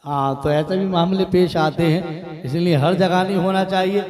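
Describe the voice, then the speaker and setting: A man hosting a religious gathering on a stage microphone, joking with the crowd and building to impassioned shouted verse. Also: sits high, fairly even intonation, normal speed. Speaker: nizamat host at a religious gathering. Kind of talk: stage announcing and fiery verse recital. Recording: live crowd on a PA mic. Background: crowd responses.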